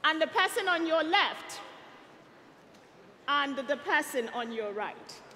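A woman from Nigeria in her thirties giving a rousing speech to a youth rally on an arena stage through a headset mic, building to rallying shouts and call-and-response. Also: sits high, animated, takes it slowly, a little hiss or hum. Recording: long arena reverb. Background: arena hall.

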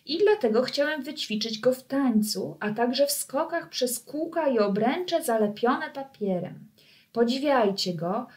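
A grandiloquent male circus ringmaster from a children's storybook, voiced by a woman reader, declaiming in slow, puffed-up tones. He stretches his words out grandly and talks down to his audience. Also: fairly high pitch. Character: pompous male circus director, grandiloquent showman.

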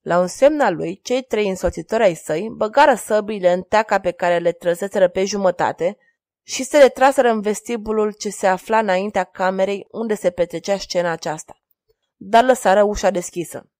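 A woman narrating a historical adventure audiobook in an even, quiet voice. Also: mid-range voice, no room sound, clean studio sound.

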